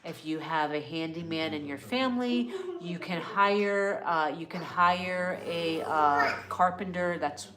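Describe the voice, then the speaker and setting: Reading out questions from viewers, a middle-aged woman runs a relaxed live wellness Q&A, chatty and earnest throughout. Canadian-born and California-raised, she speaks with a fairly low pitch, a little slowly and with few pauses. Crowd noise can be heard in the background.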